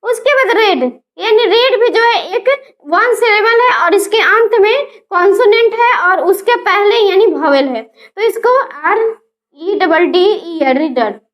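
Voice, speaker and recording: A woman teaching a grammar lesson, spelling words out letter by letter and slowing down to sound them out. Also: very high-pitched, highs cut off.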